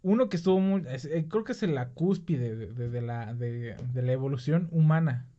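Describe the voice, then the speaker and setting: A man with a Mexican accent hosting a casual, slangy, excitable chat. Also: medium pitch, moderate pace, lo-fi sound. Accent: Mexican Spanish. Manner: slangy, excitable, lots of filler words. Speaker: podcast host.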